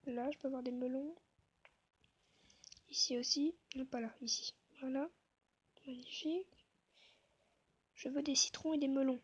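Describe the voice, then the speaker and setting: A woman giving casual gameplay commentary, talking softly to herself and the viewers with self-mocking asides. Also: high voice, steady tone, a little slow, pauses often, dull audio. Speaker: gaming video creator.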